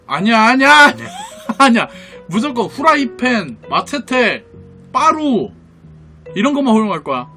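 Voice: medium pitch, big pitch swings, normal speed, pushed and bright, soft background music. A gamer giving casual, insistent commentary to a friend during play, bossing them around and swearing freely. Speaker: gaming video creator playing a battle royale game.

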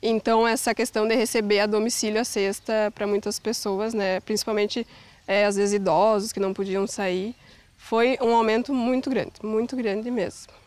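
A woman in her thirties, an organic farmer, calmly explaining her work in an outdoor interview. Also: mid-range voice, normal speed. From Brazil. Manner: calm, plain, explanatory. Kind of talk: interview answers. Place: outdoors on a farm.

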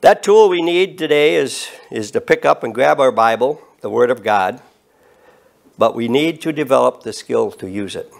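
Gravelly eighty-year-old man preaching. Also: medium pitch, animated. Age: 80s. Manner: earnest, measured preaching with emphatic rises. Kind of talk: sermon. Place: studio set with bookshelves and flags.

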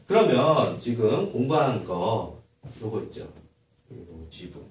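Male math teacher, animated classroom delivery with constant rhetorical questions; distant mic, room echo. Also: on the low side, takes it slowly. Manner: lively, asks many rhetorical questions. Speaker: middle school math teacher. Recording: echoey room, far from mic, faint noise.

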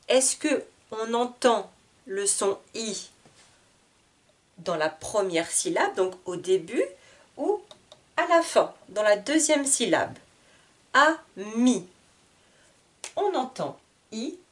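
Woman teacher, slow reading lesson, lively high pitch, splits each word into syllables. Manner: spells out words syllable by syllable, repeats each word. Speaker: French teacher. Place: classroom with whiteboard.

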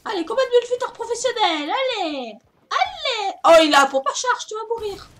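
A prankster using a pitched-up voice changer to play a cheeky, bragging eight-year-old child who taunts and needles. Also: sing-song, normal speed, fairly bright tone, slight background noise, full character voice. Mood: excited. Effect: pitched-up voice changer morphing.

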